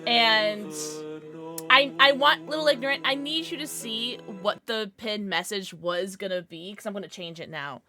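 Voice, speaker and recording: A woman livestreamer chatting casually with her viewers in a playful, giggly, excitable manner. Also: medium pitch, normal speed, soft background music. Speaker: live streamer, host.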